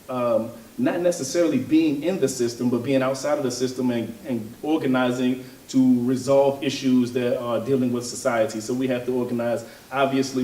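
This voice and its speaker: A man gives a thoughtful, unhurried religious and political talk, stopping often to restart his sentences. He sits a fair way from the mic, and the room adds a clear echo. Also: medium pitch, a little mellow. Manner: thoughtful, hesitant, with frequent fillers and restarts. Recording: roomy, from a distance.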